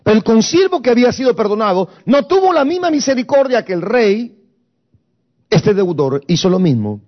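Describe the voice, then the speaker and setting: A man's voice: high-pitched, very animated, moderate pace, lo-fi sound. A man preaching a sermon, emphatic and repetitive, slipping into English phrases.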